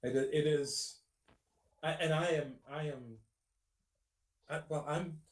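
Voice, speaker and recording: A man voicing a condescending, formal mother from the Underdark in a tabletop game, speaking slowly and stiffly. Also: fairly high pitch, fairly even intonation, reverberant, recorded from a distance. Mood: haughty.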